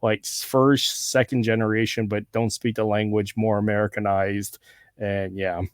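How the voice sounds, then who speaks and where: A podcast host from Southern California makes casual conversation with a relaxed SoCal drawl that has a Hawaiian touch. His fairly low voice is smooth, and he rambles easily and is quick to agree, captured in a dry, studio-quality recording.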